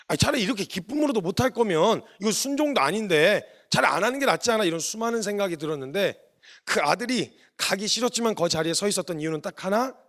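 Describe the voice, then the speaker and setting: A man's voice: high-pitched, fairly bright tone. A man missionary preaching a sermon, telling stories and acting out the dialogue, earnest and confessional.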